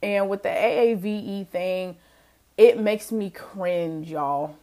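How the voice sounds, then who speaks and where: Speaking slowly in a medium-pitched, dark voice, a young woman hosts a casual solo podcast, talking to her listeners and laughing frequently.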